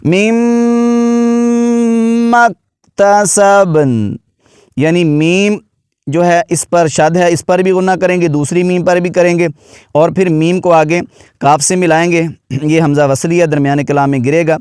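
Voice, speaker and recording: A man teaching Quran recitation rules who explains patiently and then chants the verses slowly and drawn out. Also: a little high, little pitch movement, darkish tone, smooth, dry recording, studio quality. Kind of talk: tajweed lesson with chanted recitation.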